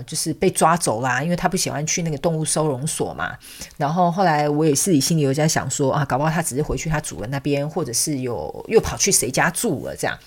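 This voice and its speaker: A young woman from Taiwan, hosting a podcast and telling a personal story in a chatty way, with many fillers and frequent laughs. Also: sits low. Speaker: podcast host. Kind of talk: casual storytelling monologue.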